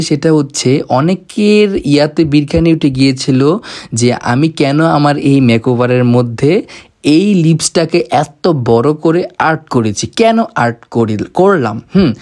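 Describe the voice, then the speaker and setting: A man's voice: fairly high pitch, darkish tone. A man chatting casually to camera as a makeup vlogger, playful and rambling. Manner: playful, rambling, talks fast and keeps slipping out of slowing down.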